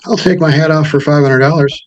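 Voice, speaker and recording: A man's voice: on the high side, fairly even intonation, brisk, highs cut off. A man defending himself in court over a video call, stubborn, argumentative and prone to interrupting. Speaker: self-represented defendant. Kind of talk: arguing in court.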